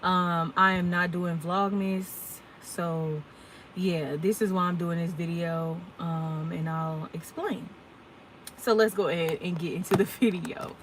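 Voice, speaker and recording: A woman's voice: fairly low pitch, fairly even intonation, slow, a little hiss or hum, low-quality recording. A woman in her twenties, a truck driver chatting casually and candidly to her viewers in a live Q&A, full of y'all and ums. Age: 20s. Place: at work, unloading her truck.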